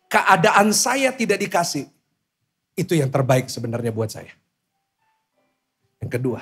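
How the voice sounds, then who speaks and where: A man in his thirties preaching a sermon loudly and with energy, often calling on the congregation to respond. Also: on the high side, husky. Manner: loud, lively preaching with calls to the congregation. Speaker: pastor.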